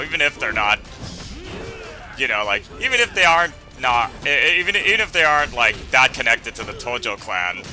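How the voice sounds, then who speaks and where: A man commentates on a video game in a casual, rambling way. His voice is very bright and forceful, with lively swings in pitch. He stammers and restarts phrases often, over faint background music. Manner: halting, stammering, repeats and rephrases words. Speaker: gamer doing a let's play.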